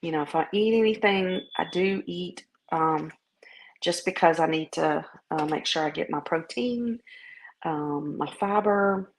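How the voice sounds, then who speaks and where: Speaking on the low side, a woman with a Southern American accent from the southern United States talks her way through a casual video diary as a vlogger. Her delivery is folksy, halting, and rambling, captured on low-quality audio.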